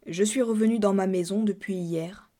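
A woman narrating a classic French story aloud in a measured, subdued and expressive reading. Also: medium pitch. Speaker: reader. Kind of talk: literary audiobook narration.

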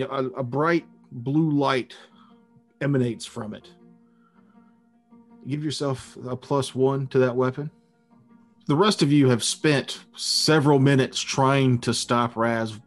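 A man narrating a tabletop fantasy game as game master, improvising in a halting way with dramatic pauses. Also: mid-range voice.

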